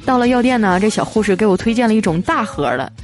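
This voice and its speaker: A woman with a mid-range, lively voice hosts a show, reading listener jokes quickly in a playful, chatty manner and laughing at the punchlines. Faint music plays beneath her casual joke reading.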